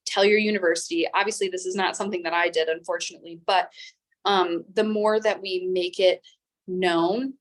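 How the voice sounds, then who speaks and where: A young woman in her twenties, a teacher, speaking as an interview guest in a calm, even, measured tone. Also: on the low side. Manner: calm, even-toned speech. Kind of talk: interview conversation.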